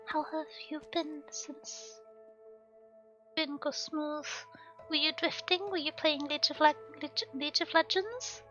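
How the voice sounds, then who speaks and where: A woman's voice: sits high, steady tone, a little slow, fairly bright tone, highs cut off, soft background music. A woman chatting casually to viewers on a game livestream in a cute, bubbly, giggly anime-streamer manner.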